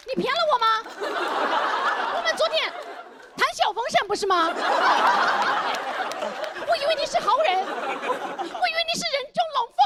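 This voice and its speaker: A woman voicing a naive young foreign man who talks in a wounded, pleading, halting way. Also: extremely high pitch, sing-song, crowd noise, noisy background, voice pushed up. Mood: indignant.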